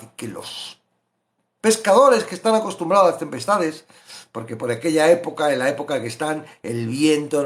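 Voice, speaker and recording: Animated man preaching. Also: fairly high pitch. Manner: animated, rhetorical questions, acts out quoted voices. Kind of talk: sermon-style Bible reflection.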